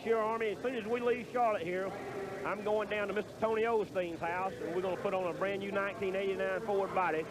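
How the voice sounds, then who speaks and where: A man's voice: sits high, fairly even intonation, fast. A man who competes in truck pulling, giving a post-run interview. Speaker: truck puller being interviewed. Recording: clear vehicle noise behind. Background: vehicle noise at an indoor pulling event.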